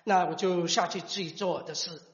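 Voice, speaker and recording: A middle-aged man gives a personal testimony as a father, halting and restarting words as he tells the story. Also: high voice, fairly even intonation. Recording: echoey hall, dull lo-fi sound.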